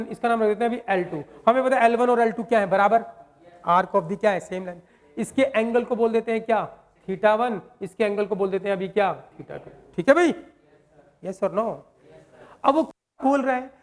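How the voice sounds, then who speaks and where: A man teaches a maths lesson in a fairly high voice. He keeps asking his students rhetorical questions. He reads the English question text slowly, word by word.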